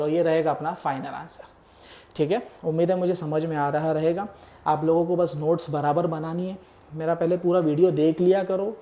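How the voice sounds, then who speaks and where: A young man's slightly high, warm voice guides students through engineering math in an exam-prep session. Working as a math tutor, he keeps the tone casual and encouraging, narrating each step while he writes.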